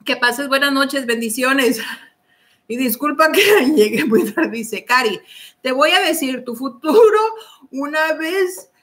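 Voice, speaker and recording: A young woman hosts a live stream, greeting viewers one by one and reading their comments aloud. Her voice sits high and bright, and she talks at an unhurried pace. She keeps dissolving into giggles. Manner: giggly, keeps breaking into laughter. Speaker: livestream host.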